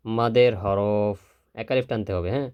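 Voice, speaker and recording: A man teaching Quran recitation step by step, who drills slowly, repeats syllables, and asks and answers his own questions. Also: lowish voice, fairly even intonation, darkish tone, clean tone. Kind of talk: step-by-step spelling lesson.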